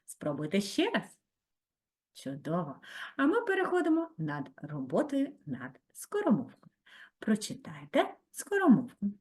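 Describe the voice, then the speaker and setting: A woman's voice: medium pitch, huge pitch swings, a little slow, darkish tone. A woman teacher giving a recorded reading lesson to young children, reading rhymes and verse with expression. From Ukraine. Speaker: primary school reading teacher.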